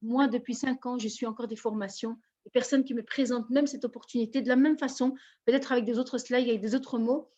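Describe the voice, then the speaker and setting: Presenter: effusive woman from belgium, slightly high voice, dull lo-fi call audio. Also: fairly even intonation, fairly quick, dark tone. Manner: effusive, greets attendees by name. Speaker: network marketing presenter. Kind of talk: live online presentation.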